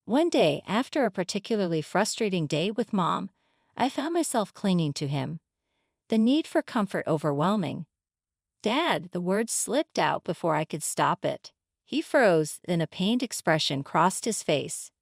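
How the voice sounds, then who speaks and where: A woman's voice: fairly low pitch, creaky, no echo, clean studio sound. A woman reading a scripted first-person family drama in a dramatic storytelling manner. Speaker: narrator.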